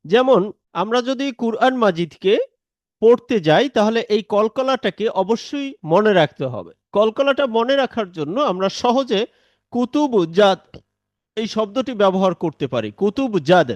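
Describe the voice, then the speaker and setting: Male recitation teacher, high voice, patient step-by-step explainer, dry close sound, Bangladeshi Bengali accent. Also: lively intonation, dry recording, lo-fi sound. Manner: patient, explains step by step and drills examples slowly. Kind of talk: live online tajweed lesson.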